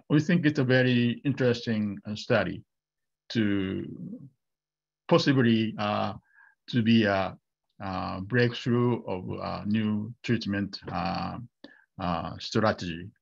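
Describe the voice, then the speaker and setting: Hesitant man with gravelly slow speech. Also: fairly low pitch, highs cut off. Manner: hesitant, many fillers and restarts. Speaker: invited radiation oncologist answering questions. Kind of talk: webinar Q&A answers.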